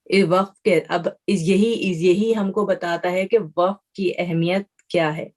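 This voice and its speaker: A woman's voice: fairly low pitch, fairly even intonation, darkish tone. Patient woman teacher. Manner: patient, explains step by step with examples and check-in questions; mixes English words into her speech. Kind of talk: online class lecture.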